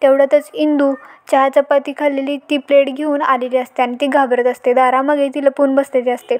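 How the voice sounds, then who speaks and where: High, even-toned Marathi woman narrator. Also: a little fast. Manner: even, steady storytelling narration. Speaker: serial episode recapper. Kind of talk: narrated episode recap with quoted dialogue.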